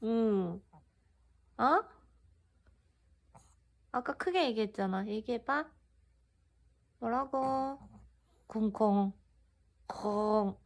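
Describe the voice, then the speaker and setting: A woman's voice: a little high, animated, very slow, creaky, long pauses. A woman talking to a dog in a coaxing, cooing way, with short repeated questions and casual commands. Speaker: pet owner.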